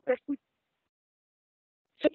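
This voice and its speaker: A woman's voice: slow, no room sound. A woman student answering on a video call, her audio breaking up and stuttering as the connection buffers. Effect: choppy, breaking-up video-call audio with a buffering stutter. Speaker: student answering in an online class. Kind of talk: casual spoken answer. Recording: tinny, phone-like call audio.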